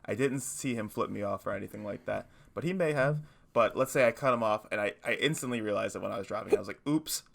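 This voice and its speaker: A man's voice: fairly low pitch, fast, creaky. A man co-hosting a podcast, chatting casually and rambling with frequent laughs. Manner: rambling, laughs often, playful. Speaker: podcast co-host. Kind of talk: casual chat.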